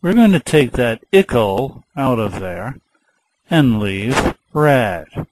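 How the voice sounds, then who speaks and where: A man's voice: mid-range voice, very animated, takes it slowly, a little mellow, rough recording. A man teaching a math lesson patiently, repeating key words and explaining through a simple story.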